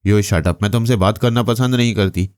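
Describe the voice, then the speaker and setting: A man's voice: fairly low pitch, normal speed, darkish tone, no echo, studio quality, lightly acted. A man voicing a hot-tempered young telepathic woman who talks in an indignant, snapping way, as he reads a novel aloud.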